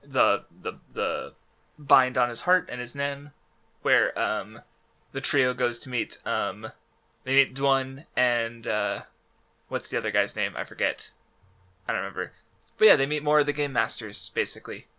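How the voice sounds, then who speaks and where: A man's voice: mid-range voice, unhurried, pushed and bright. A man co-hosting a podcast in casual chat, rambling through fillers and restarts and laughing often. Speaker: podcast co-host.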